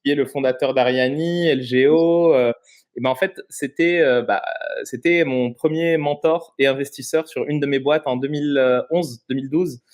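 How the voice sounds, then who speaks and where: A man in his thirties, originally from Morocco, talks as an interview guest at an ordinary middle pitch. He explains at length in a relaxed, conversational way, stopping often to find his words. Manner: explanatory, halting with frequent pauses. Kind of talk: casual interview chat.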